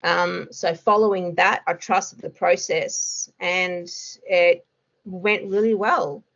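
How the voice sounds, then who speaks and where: A woman's voice: fairly low pitch, steady tone, slow, vocal fry, a bit bright, highs cut off. A woman, a hypnosis student, chatting casually in an interview with lots of fillers and frequent laughs.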